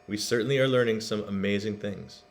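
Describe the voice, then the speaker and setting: A man's voice: on the low side, fairly quick, creaky. A man reading the part of a polite, plain-spoken schoolgirl in a children's storybook. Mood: frank.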